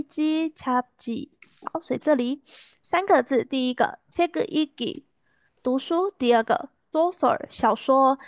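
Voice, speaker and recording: A woman teaching a language lesson, patiently repeating words slowly and clearly for her students. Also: high voice, dry recording, studio quality.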